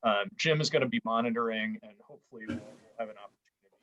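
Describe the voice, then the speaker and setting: A man's voice: medium pitch, fast talker, a bit bright, low-quality recording. A man teaching an adult education class over a video call from a church, his audio volume uneven and often dropping out. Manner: stumbling restarts, easygoing. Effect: audio volume uneven, keeps dropping out. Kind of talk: online church history lecture. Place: inside a church.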